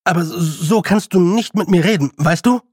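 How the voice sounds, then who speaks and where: A man's voice: on the high side, lively intonation, slow, breathy edge, dry recording, clean studio sound, pitched above the performer's own voice, heavily acted. A man voicing a nervous young nobleman's son in an audiobook, stammering in a flustered, slightly raised voice. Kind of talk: audiobook character voice.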